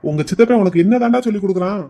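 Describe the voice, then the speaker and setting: A man voicing a grumbling but kind man in a cartoon who drives a child to school and scolds him gently. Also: high-pitched, very fast. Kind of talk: cartoon voice acting.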